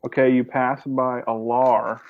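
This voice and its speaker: A man running a tabletop game as game master, describing scenes in an unhurried way. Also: mid-range voice, level tone, dry recording. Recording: tinny phone-like line.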